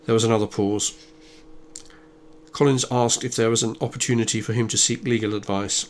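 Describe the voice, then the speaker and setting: A man reading a thriller as scripted narration, measured and even, lightly voicing the dialogue. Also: medium pitch. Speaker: audiobook narrator.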